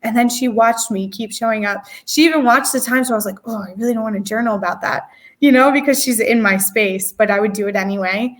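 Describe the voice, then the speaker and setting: A woman's voice: fairly high pitch, fast talker. A woman in her twenties, an interview guest telling a personal story in a candid, emotional way, with many fillers and restarts. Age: 20s.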